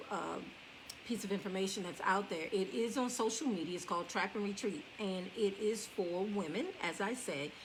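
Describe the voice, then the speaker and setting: A woman co-hosting a casual faith-based marriage chat on a live stream, lively and teasing. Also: medium pitch, noisy background. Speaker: co-host, wife.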